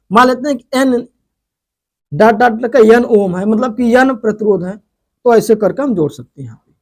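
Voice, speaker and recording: A man teaching a physics lesson, who keeps asking questions and answering them himself as he explains step by step. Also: very high-pitched. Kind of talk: whiteboard lesson.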